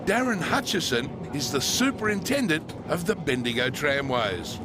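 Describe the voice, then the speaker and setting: A man's voice: fairly high pitch, sing-song, moderate pace, noisy background. An Australian man presenting a travel segment, mixing scripted narration with breezy, conversational questions. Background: music.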